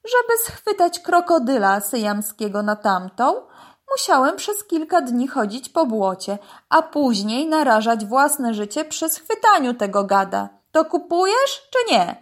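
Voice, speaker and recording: A woman's voice: high voice, big pitch swings, slow, voice pushed up, heavily acted. A woman voicing an angry male python who sells illegal handbags and pleads shrilly when caught. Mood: pushy salesman. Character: angry hissing python, male con-artist trader.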